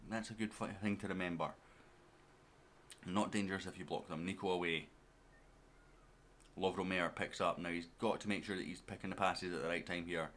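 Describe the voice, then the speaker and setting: A man's voice: low-pitched, steady tone, fairly quick, pauses often, a bit bright. A man giving casual let's-play commentary as a gaming YouTuber, chatting straight to his viewers and to his players.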